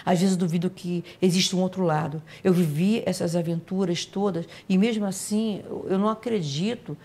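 A woman guest in an interview telling personal stories, emotional and halting, often repeating phrases. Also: fairly low pitch, steady tone, mellow.

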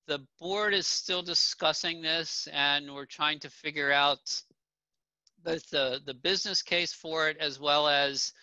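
At an online association town hall, a middle-aged man presents slides in a plain-spoken way, with frequent ums and restarts. His voice sits on the high side, steady and sharp, at a measured pace, and the webcam audio sounds dull and dry.

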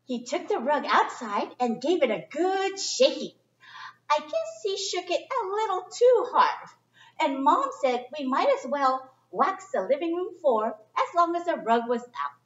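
Recorded by a camera mic far across the room, this echoey, lo-fi clip has a middle-aged woman reading a picture book to children in a library's children's area. Her voice is high and very lively, her pace unhurried, and she chats expressively with casual asides phrased simply.

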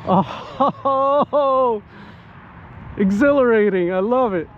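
A high-pitched hobby pilot gives casual, excitable live commentary on his flight, talking to viewers very slowly and without hurry. He's outdoors at a flying spot in wind and rain, and the audio is muffled with background noise.

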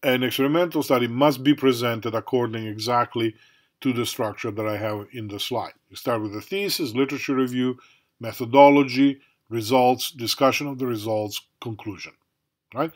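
Man, middle-aged, college lecture, casual delivery, lots of "right?" and "okay?", ordinary pitch. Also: moderate pace. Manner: conversational, many fillers and tag questions. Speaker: university professor. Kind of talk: recorded lecture.

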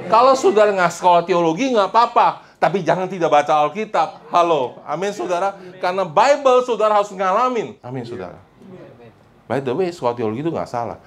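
A pastor preaching a sermon to a congregation, mixing Indonesian with English phrases and often calling for responses from the listeners. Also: male voice, fairly quick. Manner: keeps prompting the congregation for responses; animated and emphatic, with big pitch swings. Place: church service before a congregation.

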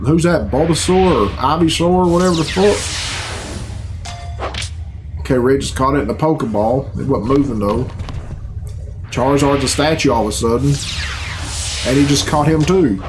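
In a small bedroom, with cutscene music from a video game in the background, a middle-aged reaction video host offers casual commentary full of profanity. He speaks in a mid-range voice at normal speed, leaving long pauses, and his tone is a bemused, sarcastic grumble.

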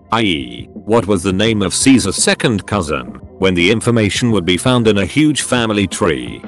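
A man with a fairly low voice reads online posts aloud in a flat, even delivery. Quiet music plays underneath him. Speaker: narrator. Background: faint music.

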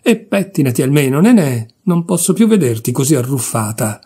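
A man's voice: medium pitch, big pitch swings, fairly quick, warm tone, husky. A man reading aloud voices a tired, anxious older mother who pleads with her daughters. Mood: weary.

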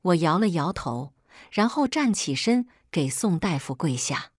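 Brief: woman storyteller, first-person narration, low voice with wide swings, bitter edge, dry close sound. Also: very animated, a little slow, no echo.

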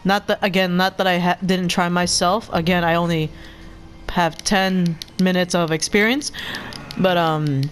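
A woman's voice: on the low side, fairly even intonation, unhurried, slight background noise. A woman streaming a video game, rambling casually between gameplay and swearing freely. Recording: voice over game music.

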